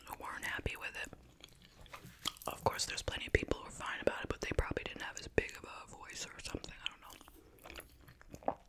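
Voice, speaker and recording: In a breathy whisper, an ASMR host tells casual, gossipy stories, pausing often as she chit-chats.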